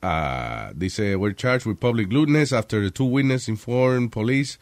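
A man's voice: on the low side, animated, slow, no echo. A man hosting a talk show, reading odd news stories in casual banter and switching between Spanish and English mid-sentence with offhand, wisecracking remarks.

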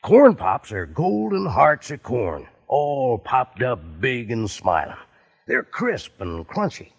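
An actor playing a folksy cowboy pitchman who drawls heartily in an old radio commercial. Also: wildly swooping pitch, slow, gravelly, slightly rough, exaggerated voice. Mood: hearty. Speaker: ad announcer. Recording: slightly dull old radio recording.

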